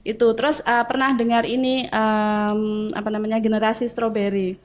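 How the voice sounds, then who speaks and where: Middle-aged woman teacher, slightly high voice, chatty explainer full of hesitations. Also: flat delivery, normal speed. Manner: explanatory, hesitant with many fillers. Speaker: teacher guest. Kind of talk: casual school podcast discussion. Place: school studio.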